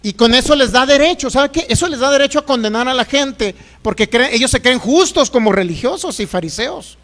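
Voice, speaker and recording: A man's voice: extremely high pitch, animated, a little fast, fairly bright tone. A middle-aged man with a Jalisco Mexican accent, preaching a sermon as pastor, jokey and folksy, firing rhetorical questions.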